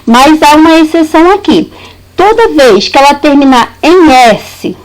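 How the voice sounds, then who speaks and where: A woman's voice: high voice, low-quality recording. A woman teaching a recorded lesson, patiently repeating points and checking that students understand.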